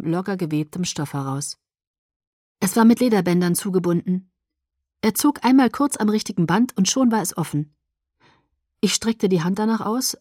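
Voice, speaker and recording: A woman narrating an audiobook in a calm, measured storytelling manner. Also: mid-range voice, no echo, clean studio sound. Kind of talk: scripted narration.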